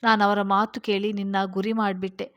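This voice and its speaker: A woman's voice: mid-range voice, little pitch movement, moderate pace, fairly bright tone, natural voice. A woman voicing a remorseful, tearful husband who is a policeman, in a read-aloud story. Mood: regretful. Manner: apologetic, tearful.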